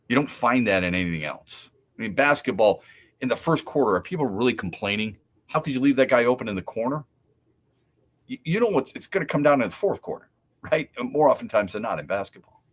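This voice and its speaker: Male sports talk host with a Midwestern accent, low-pitched and opinionated, who makes his case through emphatic rhetorical questions. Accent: Midwestern American.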